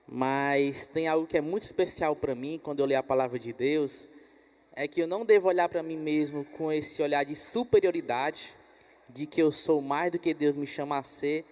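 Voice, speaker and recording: Brazilian male host praying in a hall. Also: fairly high pitch. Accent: Brazilian Portuguese. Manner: gentle, warm prayer with repeated "Pai". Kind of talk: conference hosting and prayer. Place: church hall. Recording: reverberant hall.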